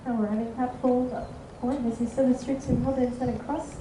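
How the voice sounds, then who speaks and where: A woman's voice: a little high, fairly even intonation, normal speed, a little hiss or hum. Distant echoey female train platform announcer. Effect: station loudspeaker. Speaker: station announcer.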